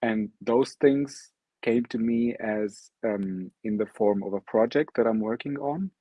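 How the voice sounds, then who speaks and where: A man whose first language is Arabic gives an online talk with slides, presenting his art project as a guest speaker, with frequent ums and restarts. His voice is on the low side, dark and unhurried. The lo-fi recording is dry and dull.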